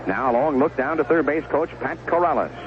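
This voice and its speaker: A man with a fairly high voice and a fairly quick delivery calls baseball live for a 1970s radio broadcast, speaking in clipped phrases and easygoing description. The lo-fi audio carries background noise, recorded in a stadium broadcast booth through a broadcast microphone with headset earphone monitoring.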